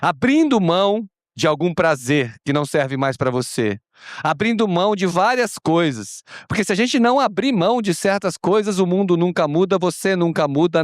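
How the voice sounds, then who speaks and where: Animated Brazilian man on a conference stage. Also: sits high, no room sound, clean studio sound. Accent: Brazilian Portuguese. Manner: expressive, acts out little dialogues, casual swearing. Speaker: panelist speaker. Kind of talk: animated panel talk.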